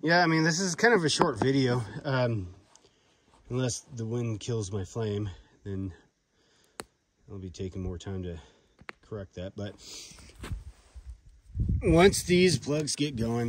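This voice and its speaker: Demonstrating a fire-starting product outside, this man talks casually and without a script, hesitant and folksy, wandering off topic and cursing a bit. His voice sits on the low side, paced steadily with long pauses. Background noise and clicks are clearly audible.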